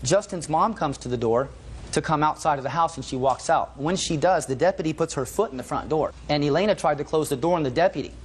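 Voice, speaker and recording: Fast-talking man telling his side. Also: on the high side, breathy edge. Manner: animated storytelling, quotes others. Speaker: plaintiff. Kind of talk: testimony in a TV courtroom. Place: TV courtroom.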